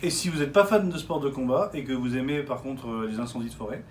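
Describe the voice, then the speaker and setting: A man's voice: medium pitch, quick pace, a little mellow, slight background noise. A man co-hosting a casual shop video about new manga, teasing and joking with his partner. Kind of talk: casual chat presenting new manga releases. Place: shop indoors.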